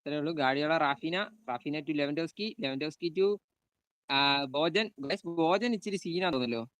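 Young malayali guy streaming a football game, high bright voice, calls every pass, says hi to viewers, dry close sound. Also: moderate pace, clear, resonant tone, dry recording. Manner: chatty, calls out passes and greets viewers by name. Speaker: gaming live streamer. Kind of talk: live game commentary and chat with viewers.

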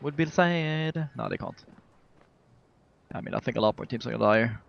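Playing as an esports team player, a man makes casual, urgent in-game callouts over game voice chat, often repeating short phrases. His medium-pitched, creaky voice runs at normal speed through lo-fi sound with a little hiss or hum, against gunfire and game sounds.

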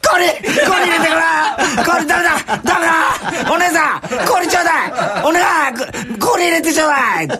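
A man voicing a drunk middle-aged man yelling shrilly at a bar, laughing through the lines. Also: extremely high pitch, animated, normal speed, hardly any pauses, a crowd in the background, pitched above the performer's own voice. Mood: shrieking.

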